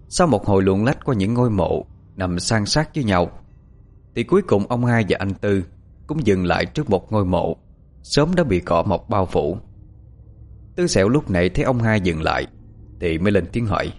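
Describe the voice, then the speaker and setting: A man narrating a horror story in an expressive, suspenseful manner. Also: fairly low pitch, normal speed.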